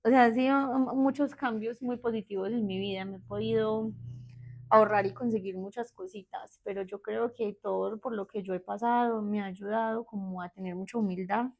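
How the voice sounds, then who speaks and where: A woman's voice: mid-range voice, steady tone, normal speed, a little mellow. A woman in her thirties with a Medellín Colombian accent, a therapist telling her own story in an interview, candid and hesitant, often restarting. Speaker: guest, therapist.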